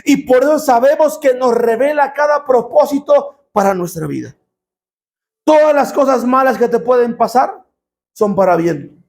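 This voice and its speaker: A middle-aged man preaching a sermon as pastor, calling for responses and shouting for emphasis. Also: extremely high pitch, animated, moderate pace, creaky.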